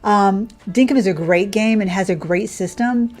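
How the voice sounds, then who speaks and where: A woman game streamer and host chats casually while she plays, rambling and thinking aloud in conversation. Her voice is mid-range with a moderate pace. Game music plays behind her.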